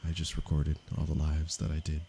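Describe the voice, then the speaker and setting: A man from Canada, a meditation teacher, speaking softly and unhurriedly to viewers of his livestream. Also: rumbling low, completely flat delivery, creaky, slight background noise. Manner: slow, soft-spoken and unhurried, with pauses. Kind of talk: calm livestream talk to viewers.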